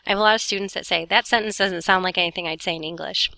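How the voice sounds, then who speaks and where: A Spanish teacher records a grammar explanation for students, walking them informally through each step and correcting herself, breathing heavily and short of breath as she talks. Her fairly low voice is steady, racing, pushed and bright, with vocal fry and no echo.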